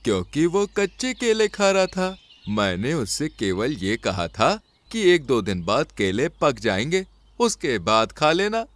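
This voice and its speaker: A man's voice: very animated, unhurried, no room sound. Man doing a stern old bear grandpa. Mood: indignant. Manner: stern and indignant, a bit raised in pitch. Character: old grumpy male bear elder.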